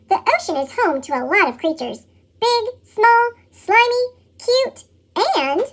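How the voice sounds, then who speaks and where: A storybook narrator speaks in an extremely high, squeaky helium voice, pitched up with a chipmunk effect. The reading is lively and sing-song, with big swings in pitch, as a scripted picture book for children. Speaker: storybook reader.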